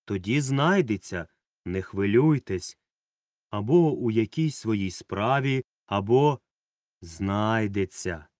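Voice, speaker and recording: A man voicing a kindly old village grandfather who speaks calmly and reassuringly. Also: lowish voice, dry recording, studio quality. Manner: calm, reassuring, unhurried.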